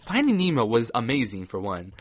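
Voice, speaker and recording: A man's voice: a little fast, husky, no room sound. Young guy chatting about movies, laughs lots, dry sound. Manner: laughs often, animated with sudden high exclamations. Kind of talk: casual chat.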